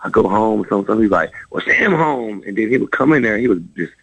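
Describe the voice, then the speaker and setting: Deep, gravelly man rambling fast on radio. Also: no echo, lo-fi sound. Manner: rambling, animated, many restarts. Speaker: former college basketball player, guest. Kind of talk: storytelling in a radio interview.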